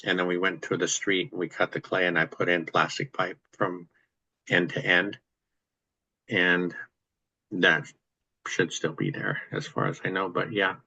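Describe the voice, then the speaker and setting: A man's voice: deep voice, measured pace, gravelly, pauses often, pushed and bright, breathy edge, no echo, muffled recording. A man hosting a casual video-call chat among property investors, explaining things in a practical, easygoing way. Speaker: real estate investor host.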